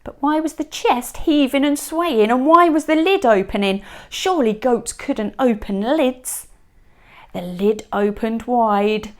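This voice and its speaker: A woman teacher reading a picture book aloud to young children, expressive and dropping to a whisper at tense moments. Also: mid-range voice. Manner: expressive storybook reading, drops to a whisper for suspense.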